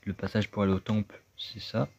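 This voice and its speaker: Low-voiced man chatting over gameplay. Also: level tone, a little fast, creaky, darkish tone, husky. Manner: chatty, thinking aloud. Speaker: let's play gamer. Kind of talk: casual gameplay commentary. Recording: dull lo-fi sound with game music.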